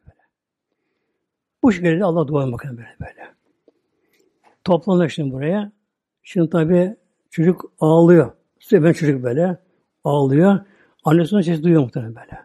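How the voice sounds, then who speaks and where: Turkish male preacher telling a sacred story; quick, slightly raised pitch, husky. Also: mellow. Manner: retells a story with constant repetition of filler words. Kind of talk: religious storytelling talk.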